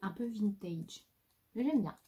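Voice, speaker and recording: Unhurried yet animated, a woman with a mid-range voice from France shows off her new craft supplies at home, meandering a little and interrupting herself to talk to her pet. Faint background noise runs through it.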